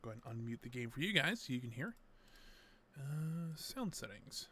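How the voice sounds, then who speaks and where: Over a gaming headset mic, a man streams a game and chats casually, rambling to himself while sorting out his setup. His medium-pitched voice swings widely at normal speed, sounding pushed, bright, and slightly rough.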